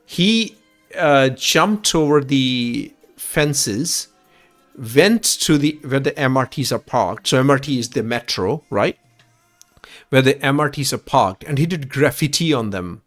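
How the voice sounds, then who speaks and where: A man's voice: mid-range voice, lively intonation, unhurried, soft background music. A man with an Indian accent hosting a call-in livestream, talking enthusiastically in casual chat with frequent restarts.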